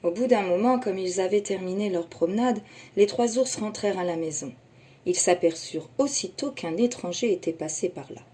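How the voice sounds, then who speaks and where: Expressive woman reading a children's story. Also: mid-range voice, normal speed, husky. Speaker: kindergarten teacher.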